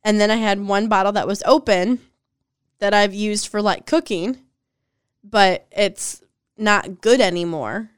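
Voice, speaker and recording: A woman's voice: mid-range voice, unhurried, clean tone, no room sound, studio quality. A woman, co-hosting a podcast in playful, teasing chat. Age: 20s. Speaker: podcast co-host. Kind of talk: casual chat.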